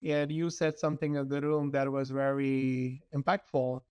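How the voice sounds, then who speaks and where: A man's voice: mid-range voice, little pitch movement, moderate pace, a little mellow, clean tone, dull audio. A man who hosts a business podcast, asking loosely phrased questions and responding appreciatively, a first-generation immigrant himself. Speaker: podcast host. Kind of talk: conversational interview.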